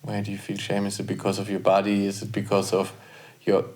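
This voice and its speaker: A man with a somewhat low voice guides listeners through a reflection, speaking earnestly and encouragingly. His tone moves between gentle reassurance and fiery affirmation. He is recorded in a small treatment room. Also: completely flat delivery, brisk. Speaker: podcast co-host or guest. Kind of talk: guided reflection in a casual podcast.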